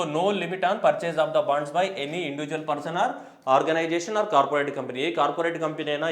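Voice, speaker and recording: A man's voice: on the high side, roomy sound. A man, teaching an exam-prep class and firing questions he answers himself. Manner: emphatic, asks and answers his own questions; switches between Telugu and English. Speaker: teacher for competitive exams. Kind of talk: classroom lecture.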